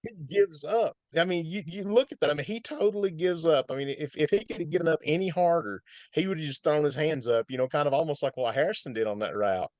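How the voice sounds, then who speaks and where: A man's voice: a little high, fast, hardly any pauses, no room sound. A man with an Appalachian hillbilly accent giving casual, emphatic sports commentary as a football film analyst, folksy and repeating points for stress.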